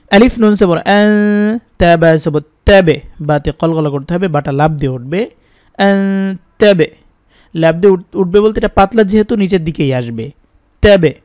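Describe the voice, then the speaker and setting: A man teaching Quran reading who spells out each letter and vowel slowly, then explains the pronunciation rules. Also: high voice, darkish tone, no room sound, clean studio sound.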